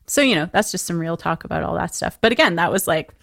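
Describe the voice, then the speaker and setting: A woman's voice: fairly low pitch, expressive, fast talker, vocal fry, a bit bright, no room sound, studio quality. A woman chatting candidly as a podcast guest, laughing often. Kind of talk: casual podcast chat.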